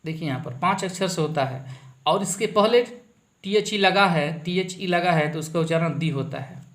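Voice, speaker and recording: A man's voice: fairly high pitch, normal speed, a bit bright, reverberant. A man teaching an English grammar lesson, asking a question and then answering it himself, often repeating the key words.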